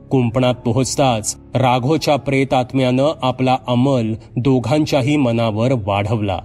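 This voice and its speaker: Male narrator for an audio horror tale, mid pitch, measured and suspenseful, soft music underneath. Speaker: storyteller.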